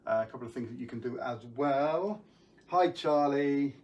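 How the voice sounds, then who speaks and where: A man's voice: mid-range voice, brisk, darkish tone, recorded from a distance. A man hosting a live online magic show from home, chatting casually and greeting viewers by name. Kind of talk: casual live-stream chat.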